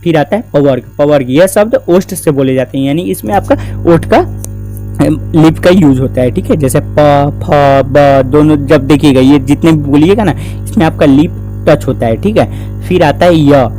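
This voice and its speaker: A man's voice: fairly high pitch, normal speed, mellow, soft background music, poor audio. A man teaching Hindi grammar for exam preparation, explaining step by step, asking his own questions and answering them in a casual way. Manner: casual, repeats "theek hai" and "na" as checks. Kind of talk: exam-prep grammar lesson.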